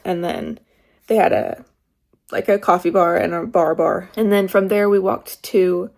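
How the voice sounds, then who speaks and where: A young woman talks through her travel day in a loose, chatty vlog style, rambling a little. Her voice has a gravelly, creaky texture at a medium pitch. She records it on her phone in a small room. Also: a little mellow. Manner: chatty, rambling, laughs now and then. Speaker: travel vlogger. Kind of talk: casual vlog narration. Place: indoors, small rented room. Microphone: phone camera.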